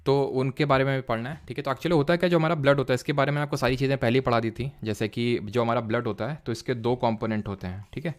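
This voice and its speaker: This is a man teaching a live online lesson, mixing English technical terms into Hindi. He moves step by step and often pauses to question the class and check that everyone is following. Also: mid-range voice. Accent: Indian English terms mixed into Hindi. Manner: explains step by step, asks quiz questions, says "ठीक है" often. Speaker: online tutor.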